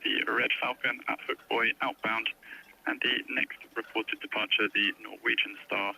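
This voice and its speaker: A man's voice: lowish voice, fairly even intonation, normal speed, vocal fry, sharp tone, slightly rough, poor audio. A man working as a vessel traffic radio operator, speaking formal, clipped procedural phrases over marine VHF. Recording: marine radio with faint noise.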